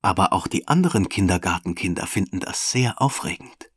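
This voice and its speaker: A man calmly reading a children's story aloud as narrator. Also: low-pitched, fairly quick, breathy edge, no room sound, clean studio sound.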